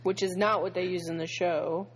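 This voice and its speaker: A co-host in a casual chat about television, talking in an excitable, joking, chatty way. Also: medium pitch, poor audio. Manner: chatty, excitable, quick to joke.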